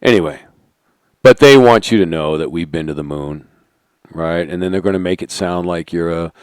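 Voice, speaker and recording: A middle-aged man holding a conspiratorial monologue, asking rhetorical questions and sinking into quiet asides. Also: low-pitched, normal speed, smooth, no echo. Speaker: channel host. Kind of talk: monologue to camera.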